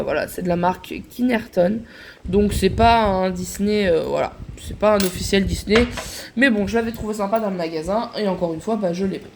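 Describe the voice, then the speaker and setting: A woman's voice: mid-range voice, a little mellow, slight background noise. Chatty woman showing her collection. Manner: chatty, many fillers and little "hop" and "voilà" asides. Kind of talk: casual show-and-tell vlog.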